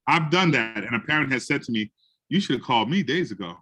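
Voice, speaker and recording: Animated New man telling stories. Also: mid-range voice, quick pace. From the Bronx, New York. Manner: animated, acts out quotes in other voices. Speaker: educator and guest speaker. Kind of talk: storytelling in a conversation.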